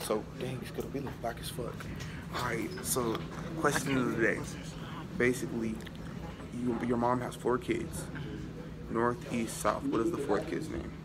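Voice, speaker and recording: A man's voice: medium pitch, level tone, measured pace, pauses often. A teenage boy filming on a handheld phone in a school, quizzing classmates with riddles and teasing their wrong answers. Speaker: vlogger asking riddles. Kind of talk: casual prank interview. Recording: noisy crowded school room. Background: students chatting.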